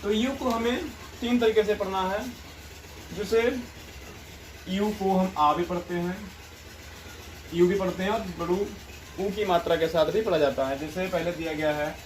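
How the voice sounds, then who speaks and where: A man teaching English pronunciation in a slow, repetitive style, explaining word by word. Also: high-pitched, fairly even intonation, a little hiss or hum, poor audio. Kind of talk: classroom-style explanation over a board.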